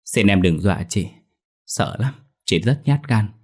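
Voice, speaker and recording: A timid, tearful teenage girl pleads in a trembling, higher voice, as a man puts her on. It is a storybook ghost tale told aloud. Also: expressive, unhurried, darkish tone, husky, exaggerated voice. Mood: pleading.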